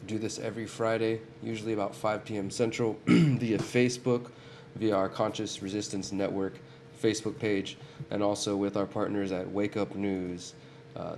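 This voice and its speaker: An American man with a cold hosts a weekly live stream, offering casual commentary in an earnest way and speaking directly to his viewers while often restarting sentences. His voice sits on the low side with a darkish tone, and there's slight background noise.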